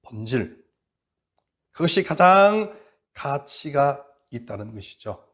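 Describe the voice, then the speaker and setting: A middle-aged male pastor preaching a sermon, acting out complaints with rising energy and dropping to a hush for emphasis. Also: mid-range voice, sing-song, slow.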